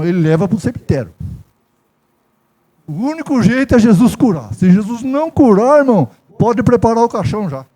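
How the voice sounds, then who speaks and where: A man's voice: high-pitched, warm tone. An older man preaching a folksy sermon in a church with a Brazilian accent, telling stories and repeating himself. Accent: Brazilian Portuguese.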